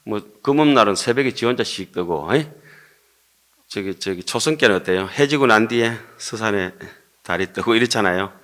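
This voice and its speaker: A man's voice: fairly low pitch, animated, moderate pace, a bit bright. An older Buddhist monk with a Gyeongsang Korean accent giving an earnest dharma lecture, posing rhetorical questions and joking with his listeners.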